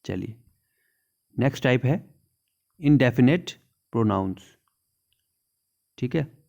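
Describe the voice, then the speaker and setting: Speaking in Hindi, this man takes his students through English grammar, reading each English example at a slow pace and repeatedly asking "theek hai na". His voice is mid-range and dark, and the audio sounds dull.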